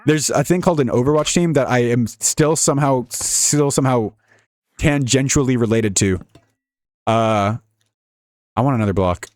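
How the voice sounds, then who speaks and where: A man's voice: mid-range voice, moderate pace, a little mellow, no room sound, studio quality. A young man giving casual, jokey, rambling commentary while playing a video game. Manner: rambling, jokey, laughs often. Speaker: gaming YouTuber.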